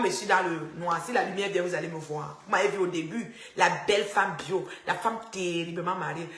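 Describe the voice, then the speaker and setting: A woman's voice: on the low side, fairly bright tone. Woman chatting on a phone live stream, teasing, lots of asides, echoey room. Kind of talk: casual live-stream chat in the dark. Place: house with the power cut.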